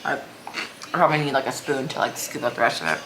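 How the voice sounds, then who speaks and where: A woman's voice: extremely low pitch, sing-song, fast talker, background noise. A woman chats casually over a meal, rambling hesitantly and leaning on "like" as a filler. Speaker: vlogger. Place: small room at home, indoors.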